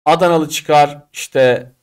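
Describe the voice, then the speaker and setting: Lively, chatty male English teacher. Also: a little high, takes it slowly, clean tone. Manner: lively, chatty, direct, addresses students as friends; acts out quoted speech and regional Turkish dialects. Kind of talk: online class lecture.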